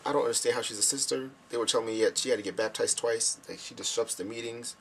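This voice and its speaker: A young man telling casual stories about volunteer ministry work, acting out his own past lines in a higher voice. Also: quick pace, gravelly, a bit bright, slight background noise. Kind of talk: casual storytelling.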